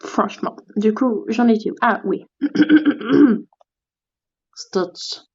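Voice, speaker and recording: A woman hosting a livestream, chatting casually while playing with toys. She makes quick, flustered asides. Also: on the high side, steady tone, breathy edge, dull audio. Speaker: livestream host.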